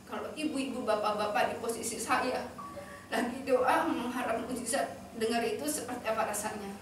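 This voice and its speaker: Woman sharing a testimony at church, kinda high voice, far from the mic, noisy background. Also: moderate pace, very echoey. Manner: earnest, heartfelt storytelling. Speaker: church member giving testimony. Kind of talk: personal testimony to a congregation. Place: church hall.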